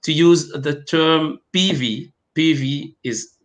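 A slightly high-voiced man from Algeria, whose first languages are Arabic and French, is interviewed online as a guest pharmacovigilance specialist. He joins by video call from a home room and speaks haltingly, with many fillers and restarts.

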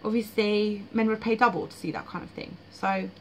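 A woman's voice: mid-range voice, fairly even intonation, a little fast, a little hiss or hum, rough recording. A woman vlogging about her dreams in casual, frank, blunt monologue with frequent fillers.

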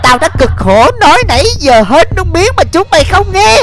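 A bossy male demon teacher barks insults at his class, as a woman voices him. The voice sits very high and talks crudely and mockingly. Music plays clearly under this game video voice-over. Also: very animated, brisk, heavily acted. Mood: villainous. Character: rude male demon teacher impostor, villainous. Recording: music bed behind voice.

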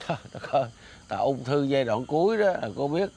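A man's voice: mid-range voice, lively intonation, a little fast, creaky, a little mellow. An actor playing a jealous, grumbling middle-aged man with a Southern Vietnamese accent in a comedy sketch, accusing and theatrical. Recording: music bed under the dialogue.

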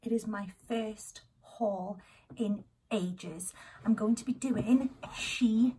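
A woman, chatting excitedly in a casual haul vlog, a little out of breath, dropping into whispered asides. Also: mid-range voice, slow pace, slight background noise. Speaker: YouTube vlogger. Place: home.

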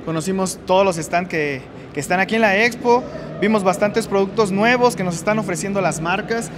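A man's voice: sits high, a little fast, crowd noise. A man, an invited content creator, talking upbeat and casual at an expo hall. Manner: upbeat and recommending. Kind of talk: casual interview.

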